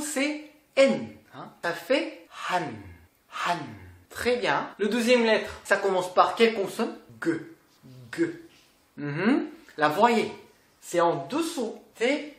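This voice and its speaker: Unhurried and lively in pitch, a language tutor from South Korea, Korean as her first language, teaches an online lesson. She's patient, repeating sounds and checking in regularly, and the space sounds roomy and echoing.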